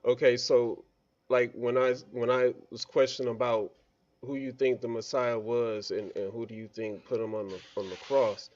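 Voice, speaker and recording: A man's voice: mid-range voice, flat delivery, moderate pace, darkish tone. Man on a glitchy group voice chat. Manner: poses points as questions instead of stating facts. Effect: group voice chat audio, connection breaking up. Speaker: participant in an online group discussion. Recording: dull lo-fi voice-chat line.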